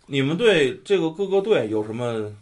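Lively laughing male football podcast host. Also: a little high, moderate pace. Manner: laughing, banters and swears. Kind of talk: casual football chat.

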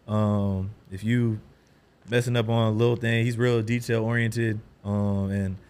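A man's voice: fairly low pitch, level tone, measured pace, a little mellow, smooth. A young man talking casually as a podcast guest, with slangy, bro-heavy jock talk. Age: young adult. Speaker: athlete guest.

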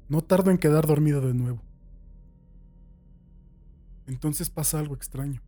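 Man narrating a horror story dramatically. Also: fairly high pitch. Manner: dramatic reading that swings from hushed to shouted. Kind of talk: scripted first-person horror narration.

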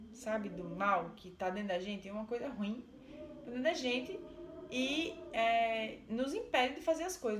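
A woman with a Brazilian accent retelling a folk tale and explaining it in a chatty, animated way. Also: fairly high pitch, slight background noise. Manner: chatty, animated, with many fillers. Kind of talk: casual storytelling and explanation. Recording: roomy echo.

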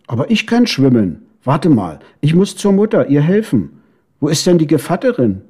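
A man's voice: a little high, huge pitch swings, normal speed, a little mellow, slightly rough, full character voice. A man voicing a small, disobedient boy beetle who whines and pleads, in a storybook reading. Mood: chirpy. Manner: pleading, tearful.

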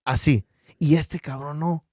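A Mexican man with a Mexican Spanish accent, a podcast guest in casual chat, telling stories in a lively, slangy way and acting out what people said. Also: fairly high pitch, measured pace, slightly rough, no room sound, clean studio sound. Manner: animated storyteller who acts out quotes, slangy and profane. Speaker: podcast guest, business founder.

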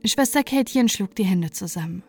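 A woman storyteller reading a fairy tale as a calm, soothing bedtime story. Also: medium pitch, moderate pace, breathy edge, soft background music.

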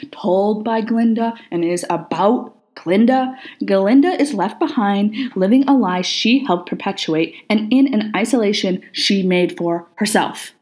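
A woman's voice: fairly high pitch, a little mellow, pitched above the performer's own voice, close to an everyday voice, low-quality recording. A woman voicing a grumpy, sardonic male demon who grumbles and argues. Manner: grumbling, argumentative.

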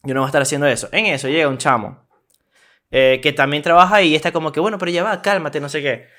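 A young man with a Venezuelan accent, casually telling a story on a podcast, slangy and animated, acting out what people said. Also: on the high side, quick pace. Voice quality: animated, slangy, acts out quoted voices. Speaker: podcast co-host.

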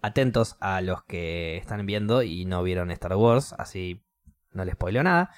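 Animated Rioplatense man telling a story. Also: deep voice, a little slow, smooth. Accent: Rioplatense Spanish. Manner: animated, swears, acts out quotes loudly. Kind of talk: casual chat, storytelling.

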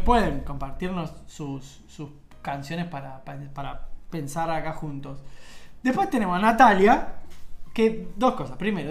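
A woman with an Argentine accent hosting a radio show, chatting casually and reading out listener messages. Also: lowish voice. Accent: Rioplatense Argentine Spanish. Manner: lively, reads out listener messages. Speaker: radio host.

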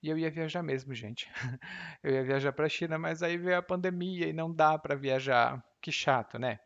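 A man's voice: on the high side, normal speed, fairly bright tone, highs cut off. A man with a Brazilian Portuguese accent hosting a podcast language lesson, patiently explaining words with examples. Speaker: language teacher and podcast host.

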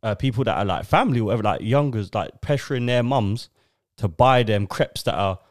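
A man's voice: lowish voice, lively intonation, a little fast, no room sound, clean studio sound. A young man with a London accent chatting casually as a podcast host, full of slang and repeating phrases for emphasis. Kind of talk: casual banter.

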